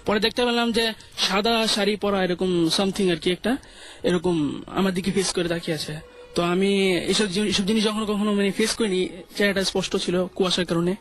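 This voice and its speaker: A man's voice: sits high, fairly even intonation, moderate pace, a bit bright. A young man with a Bangladeshi Bengali accent, telling a true ghost story on a radio show in a hesitant way, full of fillers and restarts. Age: young adult. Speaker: guest storyteller.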